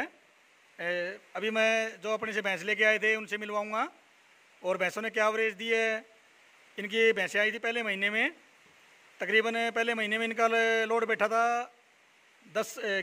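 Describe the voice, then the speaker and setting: High-voiced flat young Indian man. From Haryana, India. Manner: repeats figures and names back, many "a" fillers. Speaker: dairy farm vlogger, buffalo trader. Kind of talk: casual walk-around video with interview. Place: indoor buffalo shed at night.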